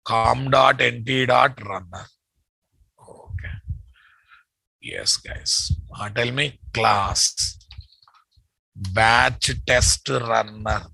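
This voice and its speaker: Drawing out his words, this male programming instructor speaks with a Telugu Indian English accent in a medium pitch that's creaky, pushed, bright, and slightly rough. He teaches live, reasoning aloud, repeating himself, and quizzing students with quick questions and tags. The rough recording has no echo.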